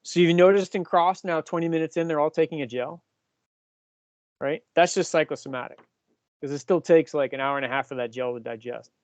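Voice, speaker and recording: A man's voice: on the high side, fairly quick, dry recording. Chatty fifty-year-old male cycling coach. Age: 50s. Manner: chatty, explanatory, asks the group questions. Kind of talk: casual team talk.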